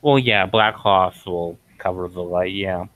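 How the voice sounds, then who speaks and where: Slow, low-voiced man running a tabletop game. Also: dry recording, phone-quality sound. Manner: hesitant, lots of fillers. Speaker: game master.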